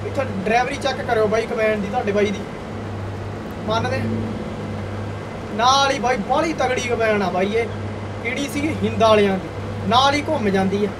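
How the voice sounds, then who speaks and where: A man's voice: extremely high pitch, moderate pace, long pauses. A young man giving casual gameplay commentary, full of hearty, exclamatory banter aimed at his viewers. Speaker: gaming video host. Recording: distant mic, faint background noise.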